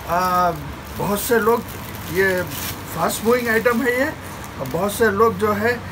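An older man selling fishing reels from his shop counter, repeating model names in a persuasive sales pitch. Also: noisy background. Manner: repetitive, persuasive salesman patter, urging viewers to buy. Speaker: fishing tackle shop seller. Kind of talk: product showcase sales pitch. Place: small shop packed with shelves, indoors.

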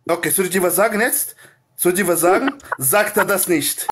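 High-voiced man ranting aggressively. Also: brisk, noisy background. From Maghreb. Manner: aggressive, insulting, shouting over others in broken German. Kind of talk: heated live-stream debate.

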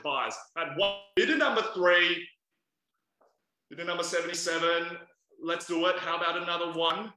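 A bright, sharp-toned man in his thirties runs a property auction over a webcam, coaxing and pushing bidders along. His voice sits fairly high, and the room around him rings with echo. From Australia. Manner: persuasive, coaxing buyers with repeated bid calls. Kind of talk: live property auction calling. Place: indoors by a large glass window. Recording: echoey room sound.

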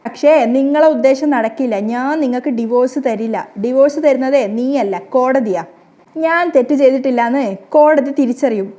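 A woman voicing a sharp-tongued young wife who mocks and argues back with quick retorts, in a storybook retelling. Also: high voice, natural voice. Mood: indignant.

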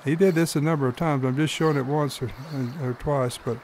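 A man's voice: a little high, fairly even intonation, brisk, a little mellow, slight background noise. Easygoing man narrating fishing footage. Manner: easygoing, folksy explaining. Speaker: fly-fishing guide and host. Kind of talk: narrating his own fishing video.

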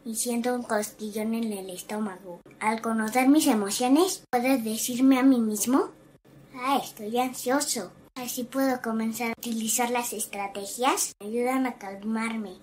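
Casting: woman as earnest young cartoon boy, slightly high voice, simple scripted delivery for a kids' explainer. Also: fairly even intonation, normal speed, a little hiss or hum, natural voice. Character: earnest anxious little boy sharing his feelings. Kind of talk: scripted animated explainer dialogue.

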